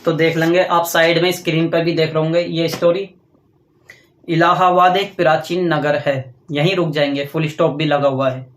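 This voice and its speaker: A man teaching a grammar lesson, explaining step by step and dictating slowly while he writes on a board, often asking questions and answering them himself. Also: a little high, flat delivery, echoey room. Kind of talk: classroom grammar lecture.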